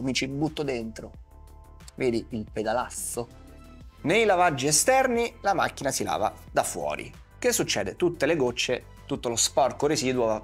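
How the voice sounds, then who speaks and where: A man in his thirties gives casual instructional commentary in colloquial speech, talking straight to the viewer with rhetorical questions. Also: mid-range voice. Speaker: car detailing presenter. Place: small padded studio, seated at a desk. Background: music.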